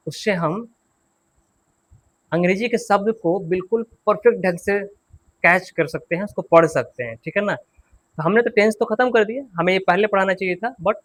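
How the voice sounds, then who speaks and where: A man teaching an English grammar and pronunciation class, patiently repeating key points and quizzing his students. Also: high voice.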